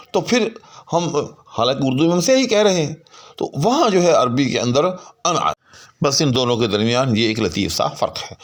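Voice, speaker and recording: Middle-aged man, patient explainer with a lively pitch, slows down to sound out words. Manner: explains step by step, stretching out words to show how to say them. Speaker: Urdu language and poetry teacher. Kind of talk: explanatory lesson on pronunciation and meaning.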